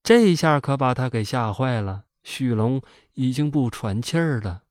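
A man narrating a folk ghost story in an animated, colloquial way. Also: mid-range voice, measured pace, no echo, studio quality.

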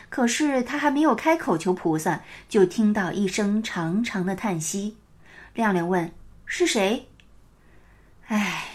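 A woman narrating a children's picture-book story in a lively, scripted storytelling style. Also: mid-range voice.

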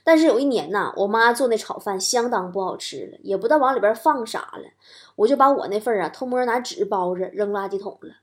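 A woman talk show host, doing an animated stand-up comedy monologue with playful punchlines. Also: mid-range voice.

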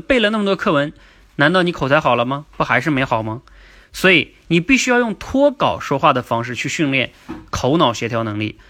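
A man teaching a livestream class on public speaking, explaining step by step, asking and answering his own questions and repeating key definitions slowly. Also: on the high side, pushed and bright. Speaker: speaking coach. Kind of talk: livestream lecture.

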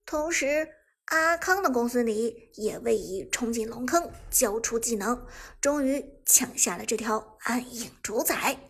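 Breathy high woman narrating. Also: expressive, fairly bright tone. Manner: brisk, dramatic action narration. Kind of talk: audiobook narration of a web novel.

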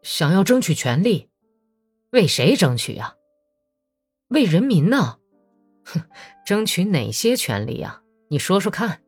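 A woman reading an audiobook voices a quarrelsome middle-aged Cossack man who shouts in a shrill, snarling voice. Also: very animated, unhurried, pauses often, husky, faint music behind, heavily acted. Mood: mocking.

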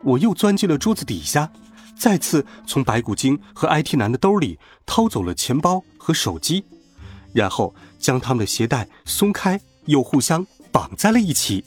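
Husky man telling a children's story. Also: on the high side, moderate pace. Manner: animated, playful voices. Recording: faint background music.

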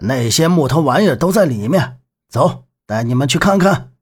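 Husky old uncle, blunt and scolding, a man doing the voice, audiobook character, slightly high. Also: expressive, normal speed. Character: gruff elderly village uncle, bossy.

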